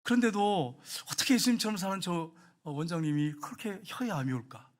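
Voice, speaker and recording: High-voiced fast-preaching male pastor. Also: sing-song. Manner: emphatic preaching, dropping to quiet storytelling; addresses the congregation directly, repeating points. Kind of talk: sermon.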